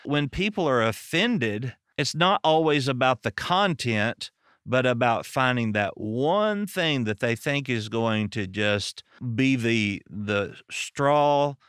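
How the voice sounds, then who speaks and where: A man's voice: mid-range voice, expressive, slow pace, a bit bright, clean tone, no room sound, clean studio sound. A man with a Southern American accent from Arkansas, hosting a podcast and chatting in a folksy, storytelling way. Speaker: podcast host and pastor. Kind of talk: casual podcast interview.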